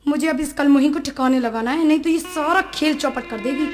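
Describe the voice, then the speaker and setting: A woman's voice: sits high, fairly quick, over music, close to an everyday voice. A young woman playing a cruel, scheming sister-in-law who snarls threats in a rural film. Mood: vicious. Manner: snarling threats, fake tearful whining. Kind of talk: rural Hindi film acting.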